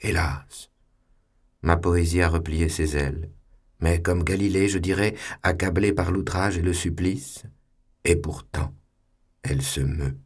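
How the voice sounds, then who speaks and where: A man giving a measured, theatrical literary reading. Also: sits low, little pitch movement.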